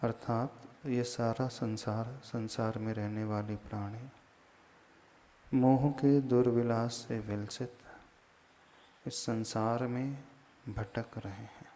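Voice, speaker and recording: A man's voice: medium pitch, fairly even intonation, slow pace, long pauses, warm tone, slight background noise. A man, a monk, leading a scripture class, chanting verses and patiently correcting his listeners' pronunciation. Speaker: Jain monk teaching scripture. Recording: long hall reverb.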